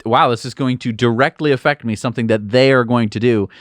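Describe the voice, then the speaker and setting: A man's voice: mid-range voice, quick pace, no room sound. A man co-hosting a casual interview show, asking long rambling questions with many restarts. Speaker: podcast co-host.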